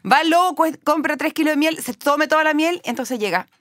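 High-voiced Chilean woman telling a cheeky tale. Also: a little fast, a bit bright, dry recording, studio quality. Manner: irreverent, laughing, swearing. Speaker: podcast host. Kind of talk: comic storytelling chat.

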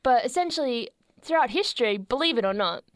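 A young Australian woman co-hosting a radio show in a studio, chatting casually with a playful, sarcastic humour and quick laughs. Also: fairly high pitch, expressive, no room sound. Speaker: radio co-host.

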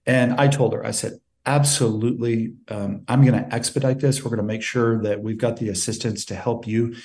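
A man's voice: medium pitch, steady tone, brisk, darkish tone. A man, head of a nonprofit, telling an emotional story in an interview and acting out both sides of past conversations. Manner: earnest, emotional, retells dialogue with quoted exchanges. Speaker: nonprofit CEO guest.

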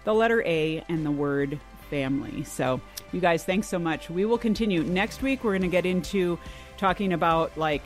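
A man's voice: fairly high pitch, moderate pace, faint music behind. A man hosting a podcast roundtable who affirms his guests and sounds upbeat. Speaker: host.

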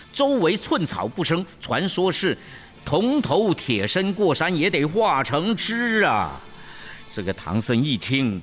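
A storyteller telling a classic tale in an animated, theatrical way, slipping in English words now and then. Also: medium pitch. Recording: long hall reverb, faint ambience.

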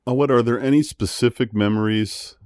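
A man hosting a podcast, a practicing therapist speaking in a calm, measured way. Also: mid-range voice, clean tone, no echo, clean studio sound. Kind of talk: scripted intro then interview questions.

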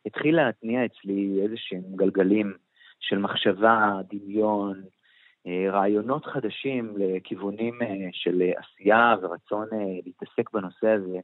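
A middle-aged man giving reflective interview answers as an author, pausing often and searching for words. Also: lowish voice, fairly even intonation, no room sound, phone-quality sound. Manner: hesitant, many pauses and fillers.

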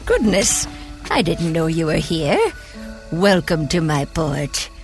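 Woman playing a slow, low-voiced folksy granny. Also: animated, soft background music. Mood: folksy, welcoming. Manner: folksy, gentle, unhurried, chatty. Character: kindly, folksy, devout elderly Southern granny on her porch. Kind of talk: scripted sleep story narration in character.

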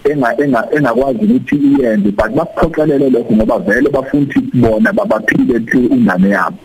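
A man with a Zulu accent speaks as an advice-giving radio guest. His delivery is fast and explanatory, with a husky grain to the voice. The sound is close and dry. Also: medium pitch, very animated, no echo, low-quality recording. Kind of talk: explanatory radio talk in Zulu with English phrases.

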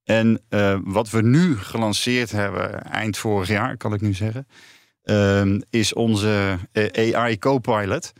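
A man's voice: on the low side, fairly even intonation, slow pace, dry recording, studio quality. A man being interviewed about his company, talking with many fillers and restarts. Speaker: company founder as guest. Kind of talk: business interview.

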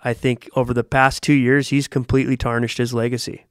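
A man co-hosting a golf podcast, talking in a blunt, profane, animated way. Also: mid-range voice, brisk, clean tone, no echo, clean studio sound. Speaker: podcast co-host. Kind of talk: casual chat.

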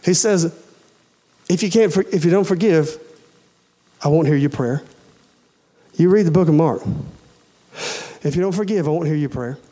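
Preaching at a moderate pace with long pauses, this man in his forties has a mellow, unusually high voice for a male. He speaks to his congregation in a folksy, colloquial, emphatic manner, repeating phrases for stress and putting questions and urgings straight to them.

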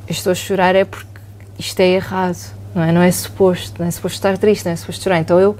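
A middle-aged woman psychologist with a European Portuguese accent, calmly explaining and often checking in with tag questions. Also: lowish voice, very fast, slight background noise. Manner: calm, explanatory, often asks "não é?". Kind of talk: explanatory podcast talk.

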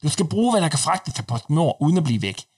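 A man narrating a recipe in a deadpan, instructional manner. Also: a little high, husky.

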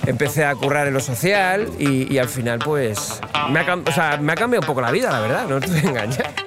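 A man talking candidly in an interview, quick and slightly halting. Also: fairly high pitch, expressive. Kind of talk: casual interview talk. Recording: distant voice under loud music.

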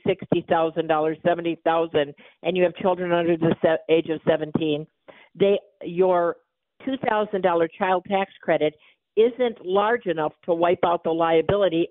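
This lowish, fairly even-toned voice belongs to a tax preparer and company chief executive guesting on a live radio program by phone. Fully alert, she explains things at a moderate pace. The tinny telephone line carries no echo.

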